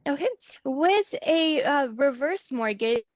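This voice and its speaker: A woman giving a webinar presentation from prepared slides over a video call, pausing on fillers, her audio choppy and glitching as it keeps cutting out. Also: high-pitched, animated, no room sound, highs cut off. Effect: choppy, glitchy audio that keeps cutting out over a bad internet link. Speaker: presenter at a consumer-affairs webinar. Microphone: computer mic on a video call.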